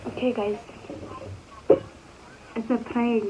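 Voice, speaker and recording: A woman's voice: fairly high pitch, flat delivery, takes it slowly. A young woman hosting a casual prank vlog, talking playfully and mixing in local words. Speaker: vlogger. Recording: tinny phone-like audio with faint noise.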